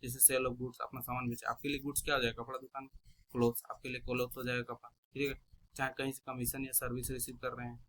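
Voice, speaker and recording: A man's voice: medium pitch, monotone, fast, a bit bright, slight background noise, poor audio. A man teaching an accounting class, asking his students questions and answering them himself, repeating the key terms. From India. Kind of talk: classroom lecture explaining terms.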